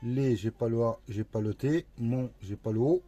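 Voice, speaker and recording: A scratch-card vlogger talks casually to himself while scratching a lottery ticket, slowly working through it letter by letter. His voice is medium-pitched and dark, and the muffled recording carries soft background music.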